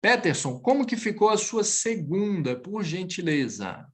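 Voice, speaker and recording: Animated man teaching French. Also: high-pitched. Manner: lively, switches between Portuguese and French, slows to model phrases. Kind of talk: online class correcting students.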